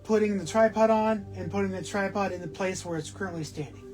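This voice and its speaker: A man talking casually on a home live-stream vlog, halting and rambling with many restarts, short of breath. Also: sits high, darkish tone, soft background music, rough recording. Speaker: vlogger. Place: at home indoors. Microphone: camera on a small tripod.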